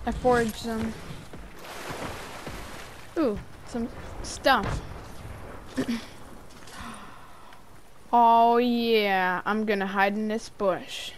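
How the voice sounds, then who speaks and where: A woman chatting casually while playing a video game, trailing off, restarting her sentences and now and then bursting into shouts. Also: fairly high pitch, flat delivery, drawn-out words, pauses often, noisy background. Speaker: gamer. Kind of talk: casual gameplay chat.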